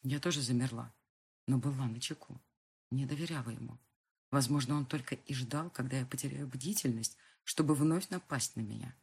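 A woman narrating a first-person audiobook with a husky voice and tense dramatic reading. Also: extremely low pitch, moderate pace, darkish tone.

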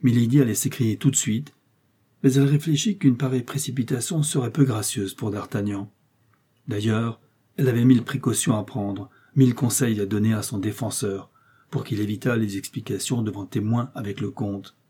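A man narrating a novel as an audiobook in a steady, measured way. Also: on the low side, slightly rough. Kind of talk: novel reading.

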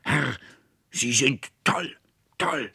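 A man voicing a choleric older male schoolmaster, who shrieks higher and higher as his rage mounts, in a read-aloud story. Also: lively intonation, extremely slow, sharp tone, breathy edge, no echo, studio quality, exaggerated voice. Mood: outraged.

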